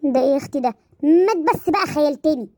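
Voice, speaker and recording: A woman's voice: sits high, very fast, mellow, no echo, studio quality, lightly acted. A woman voicing a lazy young female pet in an Egyptian accent, singsong and complaining, in a comic animal dub. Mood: fussy. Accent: Egyptian Arabic.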